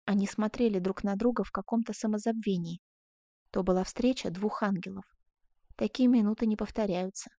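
A woman narrating a classic novel in a measured, expressive way. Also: medium pitch, no room sound, clean studio sound. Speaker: audiobook narrator.

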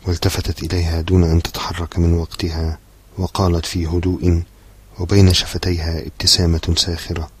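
A man narrating a literary novel as an audiobook in a measured, steady storytelling manner. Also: low voice, breathy edge, no echo.

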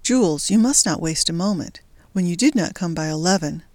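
A frightened young woman, played by a reader, whose words come low and hesitant, with a touch of lift in the pitch. The sound is close and dry, like a storybook reading. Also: expressive, brisk, no echo, natural voice. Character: young Belgian woman, anxious and fearful. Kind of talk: audiobook character voice.

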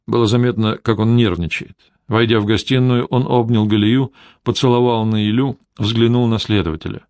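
A man narrating a detective novel in an even, measured storytelling manner. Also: on the low side, dry recording, clean studio sound. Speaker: audiobook narrator. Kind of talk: scripted narration.

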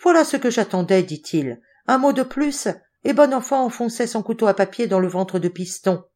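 A woman's voice: fairly high pitch, animated, moderate pace, a little mellow, voice pushed up. A woman doing a sardonic mocking clerk. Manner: sardonic, needling. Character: mocking sceptical male clerk with cricket voice.

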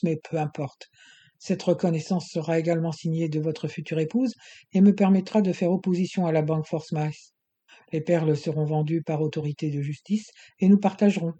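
Cold smooth doctor guy, calm menace, dark mellow tone as an audiobook reader puts him on. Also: medium pitch, highs cut off, lightly acted. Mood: cold bargaining. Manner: calm, measured, coaxing menace. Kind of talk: audiobook reading.

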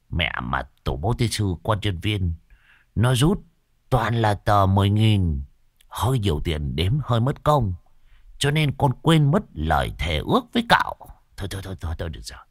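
A man's voice: low voice, no room sound, clean studio sound, exaggerated voice. A man voicing a crude, drunken, boastful old village man who curses and shrieks. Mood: boastful bluster. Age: older.

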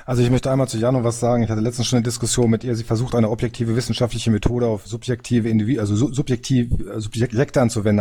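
Dark husky-voiced man debating. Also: medium pitch. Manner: earnest, lecturing, many restarts. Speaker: audience member in a panel discussion. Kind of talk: spontaneous debate statement.

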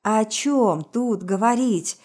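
A woman reading a story aloud, voicing a weary, exasperated young man in a quarrel with a lowered voice. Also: slow, a little mellow. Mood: frustrated.

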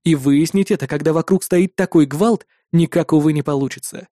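An audiobook narrator reading a first-person fantasy story with steady, lightly dramatic storytelling. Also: mid-range voice, a little fast, dry recording, clean studio sound.

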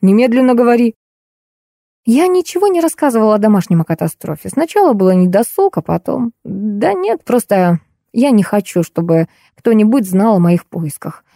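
A woman narrating a first-person comic novel as an audiobook, in a lively, ironic manner. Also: medium pitch, normal speed, vocal fry, no room sound, studio quality.

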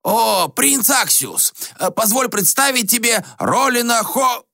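A meek old ascetic, as a man puts him on in a storybook reading, mumbling in a raised, fussy voice. He speaks formally and hesitantly, often slowing down. Dry and close. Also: very high-pitched, lively intonation, gravelly, bright, forceful tone, dry recording, voice pushed up, full character voice. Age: older.

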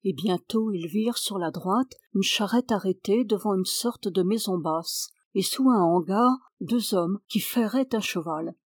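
A woman reading a classic story aloud in measured, even audiobook narration. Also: mid-range voice, slightly rough, no room sound. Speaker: reader.

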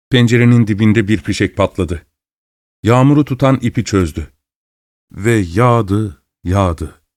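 A man narrating a literary story in a measured, even reading. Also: on the low side, dry recording, studio quality.

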